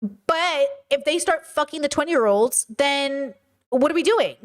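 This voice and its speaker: A woman's voice: high-pitched, lively intonation, measured pace. A woman in her thirties hosting a stream, ranting bluntly and swearing freely as she reacts to chat. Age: 30s. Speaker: streamer host. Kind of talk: casual commentary on a stream.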